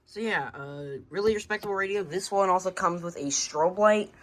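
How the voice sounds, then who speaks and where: This noisy home recording catches a hobbyist showing off his radio collection by the shelves indoors. He speaks at a moderate pace in a mid-range voice, wandering and unsure, his sentences frequently fading out without a script.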